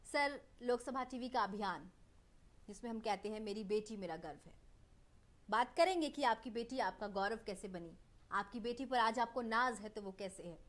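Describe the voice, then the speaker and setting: A woman's voice: a little high, moderate pace. A woman hosting a TV interview, speaking in a formal anchoring manner and mixing in English phrases. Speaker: TV host.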